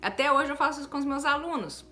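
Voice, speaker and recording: A Brazilian woman teaching English in a chatty, lively video lesson, often adding quick tag questions. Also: high-pitched, soft background music. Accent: Brazilian Portuguese.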